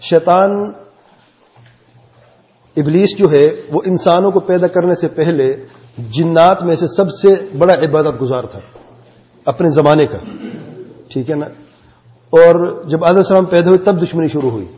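A man's voice: a little high, long pauses, warm tone. A man teaching a class, explaining patiently and encouraging his students. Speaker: religious teacher. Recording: dull audio in a reverberant hall.

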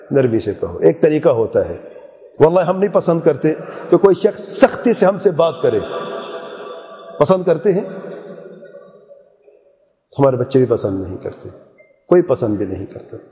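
A man preaching a sermon in an earnest way, asking the listeners questions and often dropping to a softer voice. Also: fairly high pitch. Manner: earnest, with rhetorical questions and sudden soft drops. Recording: reverberant hall.

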